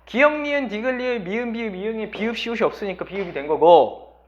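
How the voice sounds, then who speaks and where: A man's voice: high voice, animated, quick pace, muffled recording. A man playing a cheeky student badgering the teacher. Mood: pleading. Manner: insistent, repeating "teacher".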